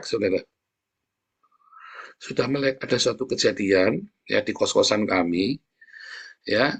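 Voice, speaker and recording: Guy preaching a casual sermon, blunt and scoldy, voice jumps way up when he gets worked up, goes low and slow telling stories. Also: husky. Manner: blunt, scolding, colloquial, with frequent "ya, saudara" asides; voice leaps high when indignant, drops low and slow when storytelling. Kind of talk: informal sermon.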